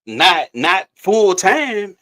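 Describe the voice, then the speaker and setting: A man's voice: sits high, big pitch swings, drawn-out words, sharp tone. A middle-aged man co-hosting a podcast in casual chat, rambling and laid-back, often restarting his sentences. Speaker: podcast co-host.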